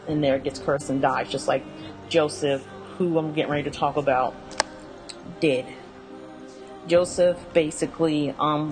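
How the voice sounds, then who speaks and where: A woman's voice: deep voice, poor audio. A woman casually walking through a video game's characters, rambling with fillers and correcting herself as she goes. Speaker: video game commentator. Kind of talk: casual spoken character rundown.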